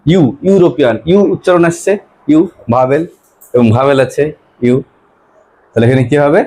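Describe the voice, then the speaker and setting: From West Bengal, India, this male teacher has a medium-pitched, slightly mellow voice as he takes a grammar class. He asks his pupils questions repeatedly, echoes their answers, and reads the English example sentences slowly and carefully.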